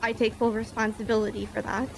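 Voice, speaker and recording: A fast-talking woman with a highish, level voice and some vocal fry delivers formal courtroom testimony as a police officer in a game roleplay. Her wording is stiff and report-like, and the background is noisy.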